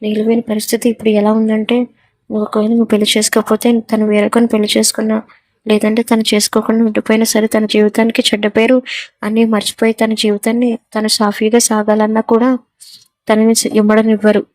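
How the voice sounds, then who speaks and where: A man's voice: sits high, monotone, brisk, no room sound, close to an everyday voice. A woman voicing a stern, angry young man in a storybook reading. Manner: stern, forceful.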